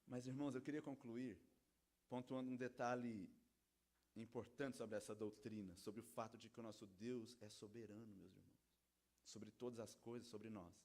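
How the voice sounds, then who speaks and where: A Brazilian man preaching a sermon in church as pastor, impassioned, swinging between loud outbursts and hushed asides. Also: medium pitch, fairly even intonation, moderate pace. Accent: Brazilian Portuguese.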